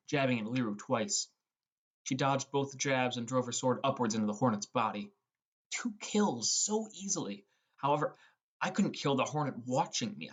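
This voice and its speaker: Narrating in the first person, a young man delivers a fantasy adventure as a scripted audiobook reading, his pitch middling for a male voice.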